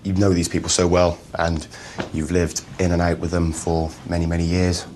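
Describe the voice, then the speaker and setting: Man, platoon commander, very low steady voice, calm, noise behind. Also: moderate pace. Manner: calm, reassuring, matter-of-fact. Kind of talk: direct talk and interview. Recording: background noise.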